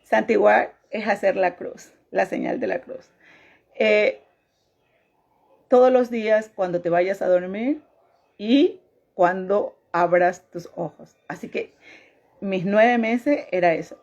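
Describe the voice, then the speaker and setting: A woman telling a personal faith testimony in a halting way, repeating her phrases. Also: mid-range voice, gravelly, darkish tone, dull audio.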